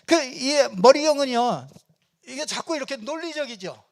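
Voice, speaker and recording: A man preaching a conversational sermon from a church pulpit, animated and chatty, with frequent fillers and chuckles. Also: very high-pitched, moderate pace. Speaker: pastor.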